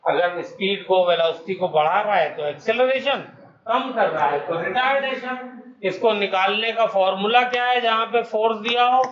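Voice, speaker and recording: A man's voice: sits high, normal speed, crowd noise. A male teacher giving a classroom physics lesson, working through problems step by step and coaxing answers from his students. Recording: dull, echoey classroom recording.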